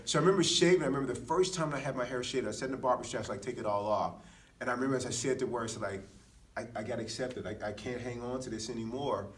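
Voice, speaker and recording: A middle-aged American man, a former Marine speaking on a podcast, tells personal stories in a candid, self-deprecating way, often dropping "man" and "dude." He talks fast at a medium pitch and sounds far from the mic.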